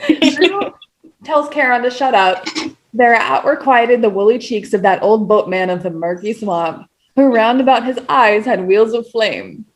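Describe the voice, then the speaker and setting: A woman's voice: fairly high pitch, unhurried. A woman hosting a casual podcast, retelling an old poem in slangy paraphrase and reading passages aloud. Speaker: podcast host.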